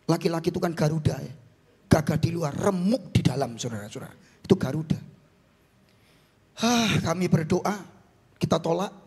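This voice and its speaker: A middle-aged East Javanese pastor with an Indonesian accent and a husky voice, preaching with force and then telling a personal testimony in a quieter, halting way. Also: male voice, a little high. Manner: preaches loudly, then tells his story softly and haltingly. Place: large church hall. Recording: long church hall reverb.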